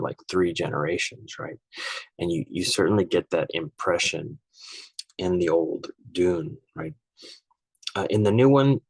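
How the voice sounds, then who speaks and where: Low-voiced rambling opinionated man. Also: no room sound, poor audio. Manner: rambling and conversational, often ending points with "right?"; frank and opinionated, easily irked. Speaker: film reviewer. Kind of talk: casual spoken film comparison.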